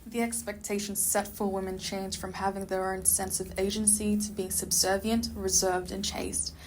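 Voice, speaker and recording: A woman, a student presenter reading a prepared script in a podcast, measured and even. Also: medium pitch, slight background noise.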